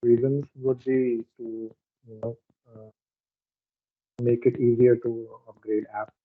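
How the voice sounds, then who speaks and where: A man's voice: mid-range voice, little pitch movement, slow, no echo. A man in the audience answering a presenter's question, hesitant and searching for words. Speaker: audience member. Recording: thin, phone-like sound from a distance.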